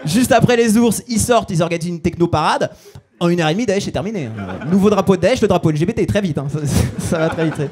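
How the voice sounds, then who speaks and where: Young man doing quick stand-up. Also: high-pitched, expressive, darkish tone. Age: 20s. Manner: casual slangy self-mocking delivery. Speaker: stand-up comedian. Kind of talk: stand-up comedy set. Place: stage before a live audience.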